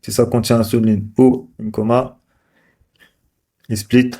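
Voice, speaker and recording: A man's voice: medium pitch, level tone, unhurried, warm tone. A man casually talking through code on screen, thinking aloud with many fillers and restarts. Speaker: developer live-coding host. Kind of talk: casual screen-share commentary.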